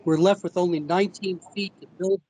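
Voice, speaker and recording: A man presenting as an architect to a zoning board over a remote call connection that breaks up, speaking haltingly with many fillers. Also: high voice, fairly even intonation, darkish tone. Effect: remote call audio, breaking up.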